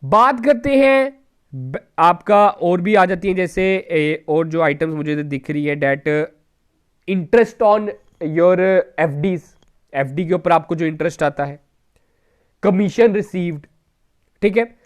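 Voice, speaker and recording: A man's voice: sits high, slow. A male coaching teacher, giving an exam revision lecture in Hindi mixed with English terms, asking and answering his own questions. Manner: keeps checking in with "theek hai?".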